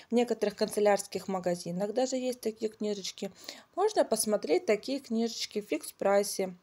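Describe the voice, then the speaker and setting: A woman's voice: medium pitch, warm tone. A woman reviewing books casually, explaining step by step like a children's tutor. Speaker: children's reading tutor and channel host.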